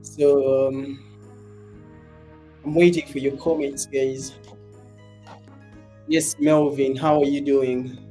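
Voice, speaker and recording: Slow-talking man with echoing reverb. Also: medium pitch, level tone, warm tone, faint music behind. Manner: loose, rambling, asks viewers for comments. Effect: reverb echo on the voice. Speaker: livestream trading host. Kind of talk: casual livestream chat to viewers. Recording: echoey stream audio with off-mic moments.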